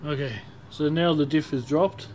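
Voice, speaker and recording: A man's voice: on the high side, normal speed, a little hiss or hum. A man talking casually to camera as he works on a car in a home garage, thinking aloud as he goes. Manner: relaxed, chatty, thinking aloud while working. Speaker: car restoration vlogger. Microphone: phone or action camera.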